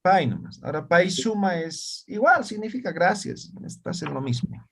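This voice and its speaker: A man's voice: high voice, big pitch swings, moderate pace, gravelly, fairly bright tone, husky. A man teaching an online class in Spanish and Aymara, often checking whether his students follow. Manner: asks frequent check questions.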